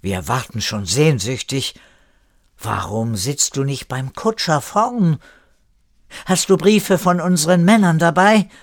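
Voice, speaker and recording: A man's voice: on the high side, slow, no echo, clean studio sound, voice pushed up. A man voicing a bossy, suspicious but kindly village woman who scolds and probes with questions in an audiobook. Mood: brisk.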